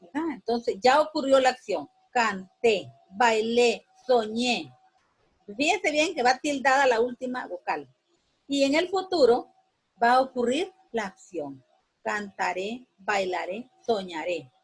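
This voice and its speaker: A woman's voice: fairly high pitch, animated, a little slow, husky, low-quality recording. A woman teaching a sixth-grade lesson, patiently repeating each point and giving instructions to students. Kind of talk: classroom lesson.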